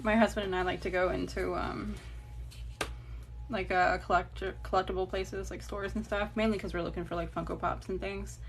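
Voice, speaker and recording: A woman's voice: lowish voice, little pitch movement, moderate pace, vocal fry, noisy background. A woman in her thirties chatting casually while she crafts on a phone livestream, rambling between stories and small laughs, with the odd swear word. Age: 30s. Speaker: TikTok live crafter.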